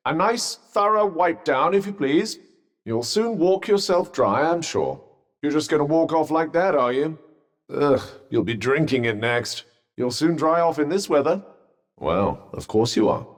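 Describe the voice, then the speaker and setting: A man's voice: a little high, expressive, unhurried. A British man voicing a sentient magic cuff in a video game, a droll, haughty, fussy companion with a pompous, sardonic, wordy way of talking. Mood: dry sarcasm. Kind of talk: scripted game character banter. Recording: long reverberant echo on the voice.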